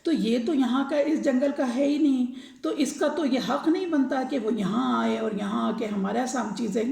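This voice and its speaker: A sly, wheedling female fox from a children's storybook, voiced by a woman. The voice is a little high and gravelly, with a mellow tone. It echoes in a roomy space. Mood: flattering. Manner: wheedling, flattering. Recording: echoey room.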